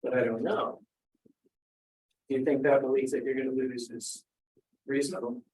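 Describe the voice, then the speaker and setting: A man's voice: medium pitch, level tone, moderate pace, darkish tone, poor audio. Man giving an academic talk. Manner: thinking aloud with restarts. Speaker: speaker.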